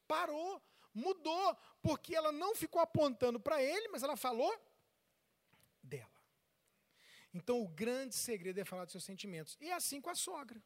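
A man preaching a sermon as pastor, acting out the voices of people in his stories and asking the congregation questions. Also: very high voice. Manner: preaching with call-and-response questions; acts out church members' voices while telling stories. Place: large church. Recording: long reverb of a large hall.

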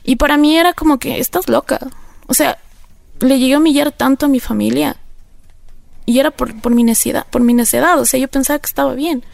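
A woman's voice: high-pitched, steady tone, fairly quick, creaky, darkish tone, dry recording. A woman with an Ecuadorian accent, candidly telling her personal recovery story in an interview, rambling with many fillers. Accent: Ecuadorian Spanish. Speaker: interview guest.

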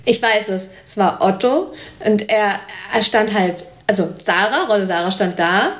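A woman's voice: medium pitch, moderate pace. A woman in casual chat, animatedly recounting scenes she once acted in on a TV series, often laughing. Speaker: former actress on a TV series, podcast guest. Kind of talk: casual chat, recalling filming.

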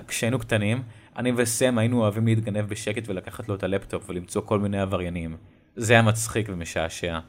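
A man's voice: on the low side, steady tone. A young man telling a horror story in a casual, conversational way. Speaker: narrator. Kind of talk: scripted horror story narration. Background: faint music and crickets.

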